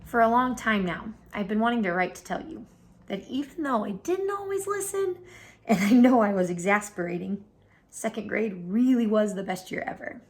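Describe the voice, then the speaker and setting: A woman reads a children's picture book aloud, storytelling expressively with a medium-pitched voice at a moderate pace.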